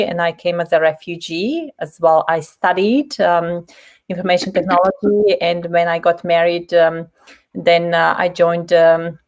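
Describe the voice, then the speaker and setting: Woman from Bosnia, lowish voice, steady with ums, video call. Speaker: panel guest.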